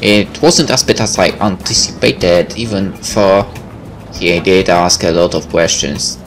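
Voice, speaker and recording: With game music behind him, a man reads a visual novel aloud in a low, unhurried voice as a let's-play host. Now and then he cuts in with relaxed, jokey, foul-mouthed commentary.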